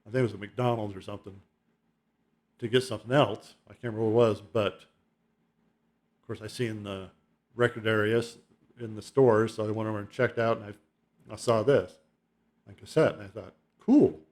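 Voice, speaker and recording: A man's voice: fairly low pitch, little pitch movement, normal speed, long pauses, a little mellow. A middle-aged man hosting his own album-ranking video, talking in a loose, rambling way with fillers and chuckles. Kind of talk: casual rambling monologue.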